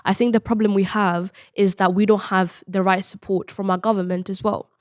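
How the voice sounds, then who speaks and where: Speaking a little fast with little pitch movement, this young woman's mid-range voice comes through clean studio sound with no echo. She is an eighteen-year-old podcast guest and student mentor, Bangladesh-born and Spain-raised, earnestly recounting her personal story with many restarts and ums.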